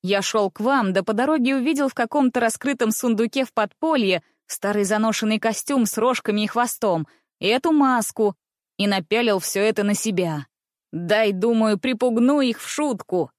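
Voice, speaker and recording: A woman's voice: a little high, normal speed, dry recording, lightly acted. Brief: mischievous teen boy, read by a woman, teasing, laughing, lifted voice, dry audiobook sound. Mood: merry teasing. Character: mischievous cheerful teenage boy, ringing laugh.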